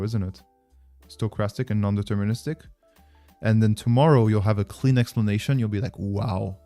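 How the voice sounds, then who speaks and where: A man from France with a French accent hosts a casual livestream, rambling informally to viewers as he thinks out loud. His voice is fairly low-pitched with a dark tone.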